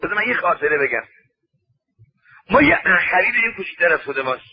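A man preaching a sermon, chanting religious quotations slowly and acting out the dialogue of his anecdotes with animated storytelling. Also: high voice, husky, muffled recording. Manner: drawn-out chanting of Arabic quotations.

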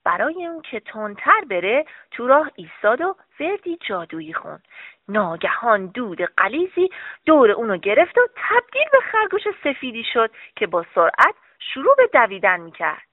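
A woman narrating a children's story with gentle, expressive storytelling. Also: a little high, dry recording. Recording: dry, narrow phone-like sound.

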